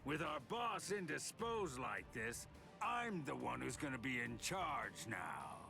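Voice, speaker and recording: Arrogant, swooping gravelly villain. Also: male voice, medium pitch, very animated, slow, heavily acted. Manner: arrogant, sneering. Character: arrogant, bullying male villain who claims command. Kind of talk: anime game cutscene acting. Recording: music under the voice.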